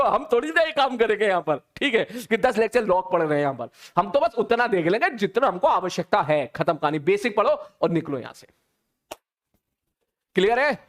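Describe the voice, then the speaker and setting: A man's voice: sits high, fairly bright tone. A man teaching a live online physics class, chatty and teasing, talking to his students informally.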